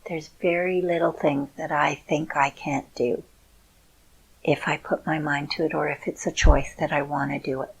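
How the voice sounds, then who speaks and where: A middle-aged woman hosting a video speaks heartfelt, personal words to her viewers, offering slow, soothing encouragement. Her low voice has a gravelly, husky texture and a level tone, and she lingers over every phrase. The recording is rough.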